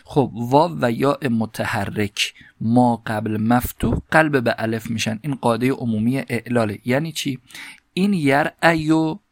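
Man, grammar teacher, patient explainer, dry close-miked lecture. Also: dry recording. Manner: explanatory, recites Arabic phrases slowly and higher. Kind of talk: classroom lecture explaining a text.

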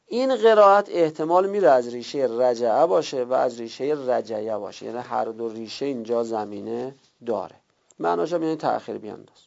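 A man teaching a class step by step, drawing out key terms slowly and checking his students' notes, heard on a dull lo-fi recording. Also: on the high side, creaky. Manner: slow drawn-out repetition of terms. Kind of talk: classroom lesson on Arabic word roots.

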